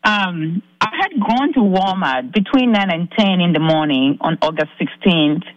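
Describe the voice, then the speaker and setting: A woman from Zambia calling in to a talk show, earnestly telling her story with halting restarts. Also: lowish voice, expressive, dry recording, lo-fi sound. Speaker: caller. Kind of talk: recounting a personal ordeal on a call-in show.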